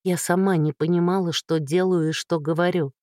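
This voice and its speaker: A woman voicing a hoarse, whispery young heroine in an audiobook, remorseful and loving. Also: on the low side, fairly even intonation, fairly quick, a little mellow, no echo, studio quality, lightly acted. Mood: pleading, tender. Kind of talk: audiobook reading.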